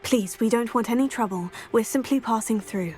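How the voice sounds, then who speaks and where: An actress voices a young British witch student in a video game. She is composed and formal, with dry wit and a fairly high pitch. Music plays faintly behind her. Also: darkish tone, natural voice. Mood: polite, firm. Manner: measured, polite, formal. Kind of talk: video game cutscene acting.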